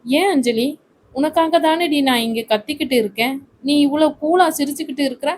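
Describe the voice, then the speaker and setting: A woman voicing a hot-tempered young woman who scolds her friend fast and loud in a storybook reading. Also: high voice, voice pushed up, lightly acted. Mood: angry scolding.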